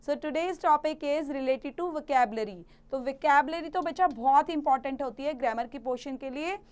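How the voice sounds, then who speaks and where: A woman with an Indian accent teaching a grammar lesson to children. She reads English slowly and carefully, then explains quickly in Hindi. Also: high-pitched, a little mellow.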